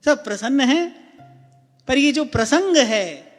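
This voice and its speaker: A man with a very high voice gives a slow, gentle devotional talk and keeps turning to his listeners with questions. His voice carries a long hall echo, with soft music playing behind it. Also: animated. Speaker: spiritual discourse speaker. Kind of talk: devotional discourse.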